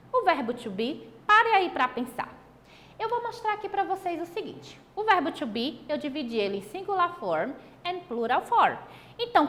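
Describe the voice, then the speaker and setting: A Brazilian woman teacher with a high, very lively voice that swoops up and down. She draws out her example phrases slowly. The recording carries a long echo, as if she were in a big hall. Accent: Brazilian Portuguese. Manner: animated, drawn-out examples. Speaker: English teacher. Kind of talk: recorded online lesson.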